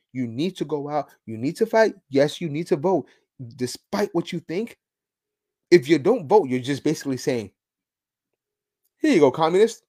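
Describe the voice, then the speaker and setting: A man's voice: on the high side, darkish tone, husky. A man hosting a podcast, giving an emphatic, ranting political commentary monologue. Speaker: podcast host.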